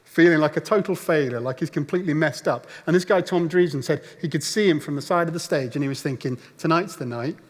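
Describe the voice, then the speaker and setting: A man's voice: fairly high pitch, quick pace, few pauses. Man preaching in a reverberant hall. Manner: storytelling, acts out voices of the crowd. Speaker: pastor. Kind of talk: sermon. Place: church auditorium. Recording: long church hall reverb.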